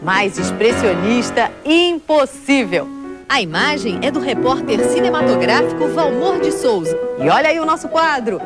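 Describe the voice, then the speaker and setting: A woman from Brazil presenting sports news in a lively, playful way, sometimes drawing words out. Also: high voice, a little fast, few pauses, over loud music.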